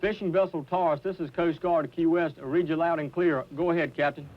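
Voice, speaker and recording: A fairly high male voice on a marine radio link, crisp and formal in its radio procedure. The sound is dull and lo-fi, as if heard through a radio set. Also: steady tone, brisk. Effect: marine radio transmission. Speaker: coast guard radio operator. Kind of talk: scripted radio call in a documentary.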